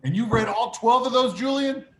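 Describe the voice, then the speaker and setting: A man's voice: extremely high pitch, moderate pace. Upbeat man on a school intercom. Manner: upbeat, encouraging, with frequent "uh" fillers. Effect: school intercom announcement sound. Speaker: school principal giving morning announcements. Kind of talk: school intercom morning announcements. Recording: echoey room with faint noise.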